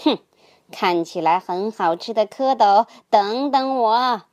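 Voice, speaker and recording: A woman putting on a greedy storybook snake who gloats slowly over his prey, in a somewhat lower voice than her own. The sound is close and dry. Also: a little mellow, no echo, dull audio, lightly acted. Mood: gloating. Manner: gloating, drawn-out threats. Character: hungry menacing male snake.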